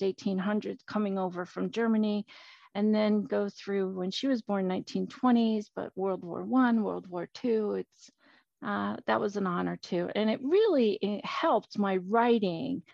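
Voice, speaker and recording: A woman's voice: medium pitch, vocal fry, darkish tone, no echo, dull audio. A woman, an author talking about her book and reading from it in a chatty, enthusiastic way.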